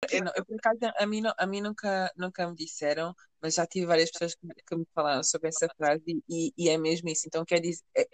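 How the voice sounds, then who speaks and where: A woman co-hosting a casual talk show, speaking in an animated, emphatic way and reacting quickly. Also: fairly low pitch, no room sound. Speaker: podcast co-host. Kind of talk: casual conversation.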